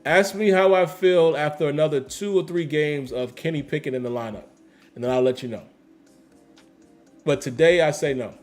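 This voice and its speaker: Hosting a casual livestream, a man reads chat comments aloud and answers them emphatically, repeating phrases in slangy fashion. His voice is a little high and slightly mellow, at a moderate pace, with soft background music.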